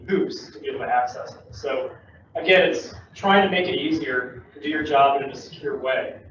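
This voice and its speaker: A man's voice: mid-range voice, a bit bright, slight background noise. A man giving a chatty, upbeat talk at a tech user-group meeting, joking as he explains. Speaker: Microsoft security presenter. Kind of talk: casual meetup talk. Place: meeting room. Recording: echoey room from far, dull mic.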